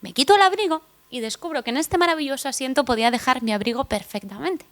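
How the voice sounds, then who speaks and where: A young woman with a Madrid Spanish accent tells funny stories about herself at a conference, speaking in a slightly high voice. She jokes at her own expense and throws asides to the crowd. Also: animated, fast. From Spain (Madrid). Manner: chatty, joking, self-deprecating, with asides to the audience. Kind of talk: humorous personal storytelling talk. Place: conference stage before an audience.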